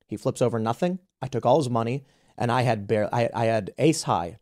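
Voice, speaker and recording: A man's voice: mid-range voice, brisk, darkish tone. A man in his thirties from the United States, hosting a podcast and telling an indignant story full of restarts and repeated words. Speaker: podcast host. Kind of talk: casual podcast conversation.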